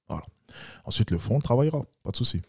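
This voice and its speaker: A man's voice: animated, racing, gravelly, slightly rough, dry recording, clean studio sound. A man giving blunt, lecturing reaction commentary as a dating coach. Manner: blunt, lecturing, mocks with high-pitched imitations.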